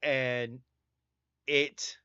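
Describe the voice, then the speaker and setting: A man's voice: medium pitch, level tone, very slow, sharp tone, clear, resonant tone, no echo, highs cut off. A man with a mountain North Carolina accent, chatting casually with viewers on a livestream and thanking them by name. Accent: Southern US, North Carolina mountains.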